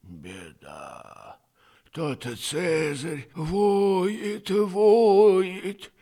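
Creaky old servant man, breathless toothless mumble, slow doleful rustic grumbling for an audiobook. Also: mid-range voice, huge pitch swings, bright, forceful tone, pitched above the performer's own voice, heavily acted. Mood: doleful lamenting. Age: older. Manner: drawn-out rustic grumbling and lamenting. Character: decrepit old valet, fretful, doleful, folksy. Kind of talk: audiobook character reading.

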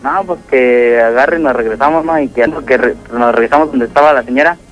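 A young man with a Mexican accent rambles through a ghost story as a radio caller. He talks in halting stops and starts, leaning on fillers at every turn. Faint music plays underneath his voice. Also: medium pitch, lo-fi sound. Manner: rambling, halting, full of "pues" and "¿no?".

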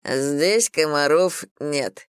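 A woman voicing a crude, mocking young man with a slow, smirking drawl in an audiobook. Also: low-pitched, lively intonation, no room sound, clean studio sound.

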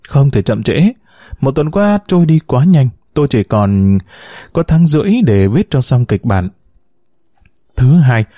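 An audiobook narrator reads a novel in a measured, expressive storytelling style. His voice is medium-pitched, and the studio sound is clean with no room sound.

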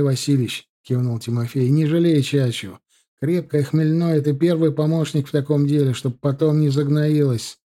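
A man's voice: medium pitch, mellow. A man narrating a historical novel as an audiobook, reading every character's lines himself with light changes of voice. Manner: reads all characters in a lightly varied voice.

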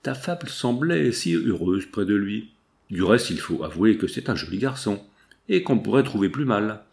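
A man's voice: lowish voice, expressive, normal speed, vocal fry, darkish tone. A man voicing a sly, scheming male friend in an audiobook, speaking in an insinuating, mock-sympathetic way. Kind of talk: audiobook dialogue reading.

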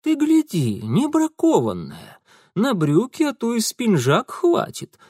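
A man's voice: high voice, wildly swooping pitch, slow, a little mellow, breathy edge, dry recording, clean studio sound, voice pushed up, full character voice. A man voicing a sneering dandy thug. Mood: mocking. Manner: sneering, with folksy slang. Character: male street thug dandy, mocking and cruel. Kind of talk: audiobook character voice.

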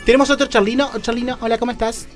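A man's voice: very high voice, little pitch movement, racing, faint music behind. A man with an Argentine accent hosting a comedy talk show in a campy, exclamatory way. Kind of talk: comedy radio sketch.

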